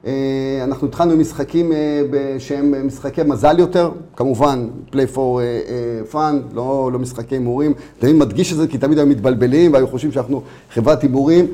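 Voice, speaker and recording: A middle-aged man with a dark, medium-pitched voice and an Israeli accent talks with hardly any pauses as he tells his story in a casual interview. The startup founder, from Israel after immigrating from Latvia at four, speaks informally and repeats himself.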